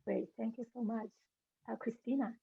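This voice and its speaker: A woman's voice: a little high, fairly even intonation, normal speed, gravelly, husky, dry recording. A woman moderating an author panel over a video call, giving brief, thankful introductions. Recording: dry, phone-like audio.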